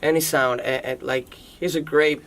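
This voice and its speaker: A man's voice: a little high, fairly even intonation, moderate pace, gravelly, a bit bright. A man in a band, telling stories enthusiastically in a radio interview. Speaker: band member. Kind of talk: casual interview chat.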